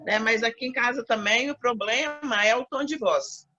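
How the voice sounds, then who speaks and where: Brazilian woman, Minas Gerais accent, bright higher voice, chatty, a bit muffled. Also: moderate pace. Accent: Brazilian Portuguese, Minas Gerais. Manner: chatty, repeats herself with tags. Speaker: class participant. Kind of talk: casual chat.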